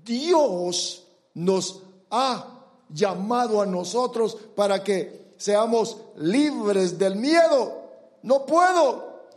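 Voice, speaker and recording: A man delivering a sermon in a very high voice, taking his time over each phrase. He preaches emphatically, firing rhetorical questions at the congregation and acting out the voices he quotes. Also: animated, drawn-out words, a little mellow.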